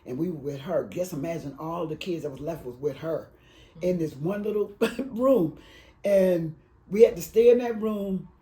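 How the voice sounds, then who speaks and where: A woman in her eighties from Alabama, raised in Detroit, telling her life story in an oral history interview, rambling and halting with emotion. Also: fairly low pitch, dark tone, poor audio. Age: 80s.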